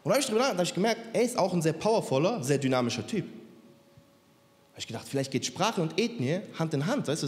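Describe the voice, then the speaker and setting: A man performing a stand-up comedy set on a club stage, talking straight to the crowd and slipping into mimicked voices. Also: on the high side. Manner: punchy, mimics accents and voices, addresses crowd. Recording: live stage in a hall with reverb, faint crowd noise.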